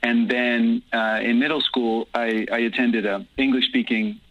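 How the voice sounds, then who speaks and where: A guest with a medium-pitched voice, fairly even intonation, and an unhurried delivery answers interview questions over phone-quality audio. He grew up in Guatemala and speaks Dutch as his first language, but his easygoing, thoughtful English has no accent and plenty of ums, in relaxed conversational answers.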